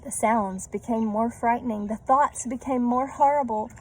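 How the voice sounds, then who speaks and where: A woman's voice: a little high, fairly even intonation, normal speed, darkish tone, a little hiss or hum, rough recording. A woman reading a children's story aloud, adding chatty asides and little questions to her listeners. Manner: checks in with listeners using tag questions.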